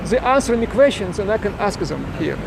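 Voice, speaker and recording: Brisk and very animated, a man with a high-sitting, fry-tinged voice broadcasts live from a busy street in Ukraine, a parent streaming a protest on his phone. Traffic rumbles through the noisy audio as he replies to viewers in halting English and keeps starting his words again.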